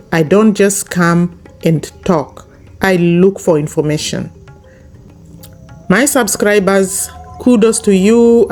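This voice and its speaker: Addressing her viewers directly, a non-native English speaker delivers a YouTube commentary in a mellow, warm voice of middle pitch. Soft background music plays as she stresses her ideas emphatically, repeating them again and again.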